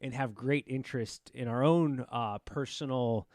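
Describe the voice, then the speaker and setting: A man's voice: mid-range voice, unhurried, a little mellow, no echo, clean studio sound. A man hosting a casual sports betting podcast, talking loosely with lots of fillers and restarts. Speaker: podcast host.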